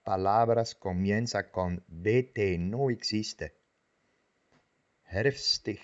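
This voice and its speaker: A man with a lowish voice delivers a scripted language lesson at a very slow, deliberate pace. He says each vocabulary word several times over before explaining it. The recording sounds dull and lo-fi. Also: darkish tone. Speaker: language teacher.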